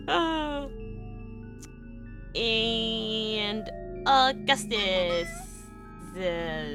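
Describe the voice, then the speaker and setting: Reading a visual novel aloud and chatting with her viewers, this young Danish streamer is a native Danish speaker. She's giggly and excitable, breaking into sudden squeals, and her voice sits a little high.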